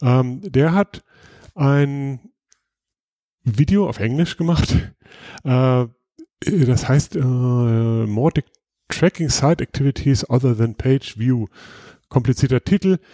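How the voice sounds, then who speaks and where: A man hosting a podcast in casual chat, explaining things in a relaxed way with frequent hesitations and restarts. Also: medium pitch, slow, long pauses, no room sound, studio quality. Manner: relaxed, explanatory, many filler sounds and restarts. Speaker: podcast host.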